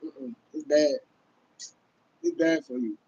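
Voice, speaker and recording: A man, hosting a casual livestream rant. He talks loudly and profanely to his viewers, laughing often. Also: a little high, takes it slowly, breathy edge, muffled recording. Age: 30s. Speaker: livestream host.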